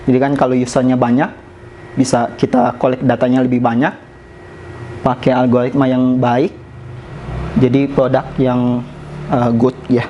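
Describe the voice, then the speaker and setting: A man presenting slides at a company sharing session in a casual, relaxed way, often pausing on "eh" and mixing in English business terms. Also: mid-range voice, highs cut off, a little hiss or hum.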